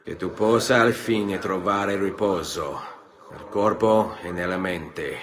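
An actor playing a cool, solemn young assassin in a video game, with an Italian accent. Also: male voice, deep voice, unhurried, a crowd in the background.

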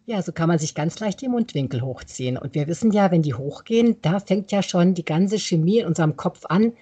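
A woman who hosts a laughter yoga podcast, gently coaxing listeners through exercises and laughing often as she explains. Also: fairly low pitch, lively intonation, brisk, breathy edge, muffled recording.

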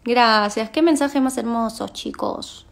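A young Argentine woman, a singer, chatting casually on a phone livestream and reading fan messages aloud with quick asides. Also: on the high side, creaky. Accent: Argentine Spanish.

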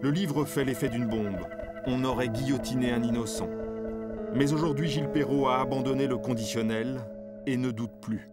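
A man narrating a documentary in a measured, steady storytelling voice. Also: medium pitch. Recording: voice-over over loud guitar music.

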